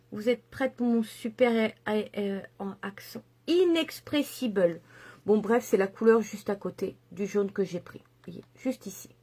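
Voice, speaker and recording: A woman's voice: on the high side, darkish tone. Chatty woman doing a makeup tutorial. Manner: chatty and enthusiastic, many fillers and asides. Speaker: makeup vlogger.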